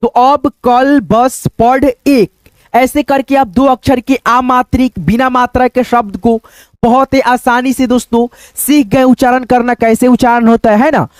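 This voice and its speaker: A man's voice: very high-pitched, fairly even intonation, dry recording. A man teaching beginners to read Hindi, sounding out letters and words syllable by syllable and often checking in with his viewers. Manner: slow, drawn-out syllable-by-syllable sounding out, repeating each word; keeps addressing viewers as friends, checking with tag questions. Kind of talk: online Hindi lesson for beginners.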